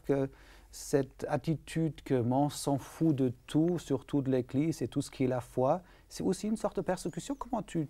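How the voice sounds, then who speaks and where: A man's voice: a little high, gravelly, warm tone. A man hosting a studio interview, chatty and often finishing his guest's sentences. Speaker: host.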